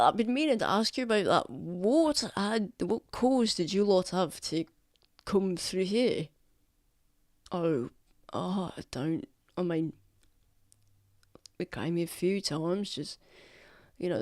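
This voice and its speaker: A man playing a weary, blunt orc veteran in a tabletop game, gruff and sardonic. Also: sits high, no echo, studio quality. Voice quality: gruff, sardonic, swears casually. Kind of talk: tabletop role-play in character.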